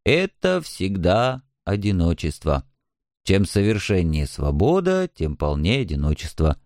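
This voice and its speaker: Brief: a sententious male police officer in a story reading, low and unhurried, read by a man. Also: huge pitch swings, a little mellow, dry recording, clean studio sound, exaggerated voice. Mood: musing.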